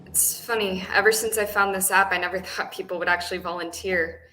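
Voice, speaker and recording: A woman's voice: medium pitch, fairly even intonation, a little fast, a little hiss or hum, lightly acted. A woman playing a wry, teasing blind caller. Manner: wry, teasing, gently joking. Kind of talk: stage play performed over video call.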